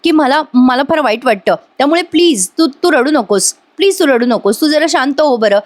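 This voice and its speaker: A woman's voice: high-pitched, expressive, moderate pace, pitched above the performer's own voice. A woman reading out the lines of a hurt young husband who pours out his grief and reproach. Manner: wounded, reproachful, heartfelt.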